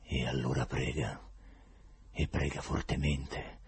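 A man voicing an imperious, tormented Roman procurator who roars furious commands and then mutters bitterly, in a husky voice. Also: extremely low pitch, little pitch movement, slow, slight background noise, voice pushed down, full character voice. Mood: bitter, menacing.

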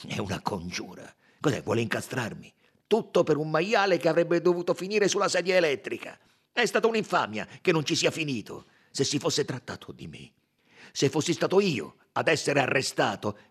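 Man voicing an aggrieved chauffeur, low and husky, lively protests. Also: moderate pace. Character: defensive Italian chauffeur, hot-tempered man.

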